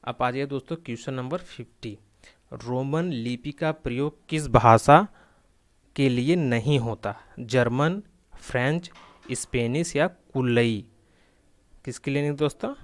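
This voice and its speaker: A man's voice: medium pitch, darkish tone. A man tutoring in a practice-question lesson, who asks rhetorical questions, repeats the answers and often stops and restarts words. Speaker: exam tutor.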